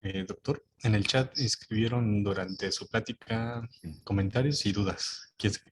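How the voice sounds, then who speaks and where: Low-voiced guy reading out chat questions, a bit of faint noise. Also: unhurried. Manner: reads questions aloud plainly.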